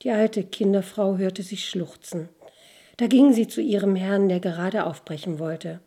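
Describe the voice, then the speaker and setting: Breathy woman reading a fairy tale. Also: mid-range voice, measured pace, warm tone. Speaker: narrator.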